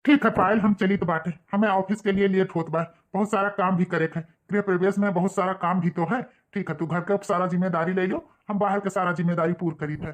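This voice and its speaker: A woman's voice: medium pitch, fairly even intonation, quick pace, hardly any pauses, lightly acted. A woman voicing a young husband with an Awadhi accent, who speaks in a complaining, reproachful way. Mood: instructing. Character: young office-going husband, upset and hurt.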